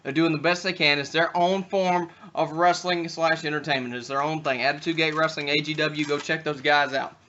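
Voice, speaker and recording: A young man running his own wrestling talk show with a brash, bright, pushed voice that sits a bit high for a man. He swings from easygoing rambling into loud, trash-talking rants. The sound is dull and lo-fi, like a home recording. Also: fairly even intonation, brisk, few pauses. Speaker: talk show host, backyard wrestling persona.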